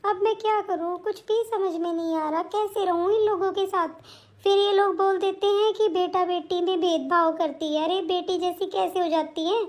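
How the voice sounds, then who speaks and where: An aggrieved old grandmother, voiced by a woman in a home-made family drama, grumbling and moralizing in a plaintive tone. The voice sits very high despite the age of the role. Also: darkish tone. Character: older woman, self-pitying grandmother and mother-in-law. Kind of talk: hobby family-drama acting.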